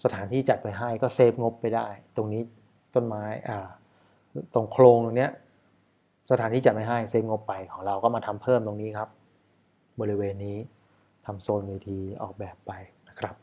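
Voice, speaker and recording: A man's voice: on the low side, steady tone, moderate pace, mellow. A man, a wedding photographer, casually talking over footage in a chatty way, often asking rhetorical questions.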